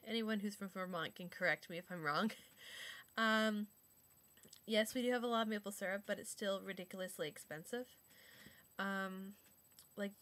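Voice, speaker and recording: A woman's voice: mid-range voice, fairly bright tone. A young woman from Montreal, chatting casually to camera, full of fillers and sarcastic asides. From Montreal, Quebec. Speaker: vlogger.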